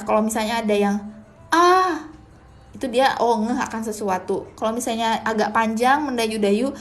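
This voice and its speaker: Relaxed and talkative, a young woman teaches a casual language lesson over a live stream, weaving Japanese phrases into what she explains. Her voice is slightly high.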